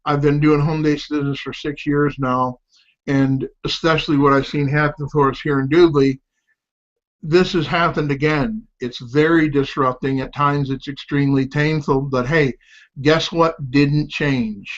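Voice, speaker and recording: A middle-aged man with a fairly high voice talks candidly to camera from a home office. His speech halts and slurs slightly, as though one side of his mouth were numb from the dentist. The sound is dull and lo-fi. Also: fairly even intonation, normal speed. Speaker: home-based business promoter. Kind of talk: casual promotional talk to camera.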